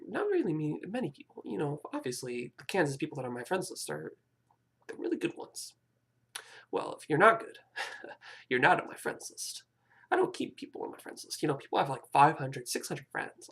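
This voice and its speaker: Young adult vlogger, rambling confession, lively pitch, raspy gravelly voice. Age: about 20. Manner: hesitant and apologetic, many fillers and restarts. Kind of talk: rambling personal confession to camera.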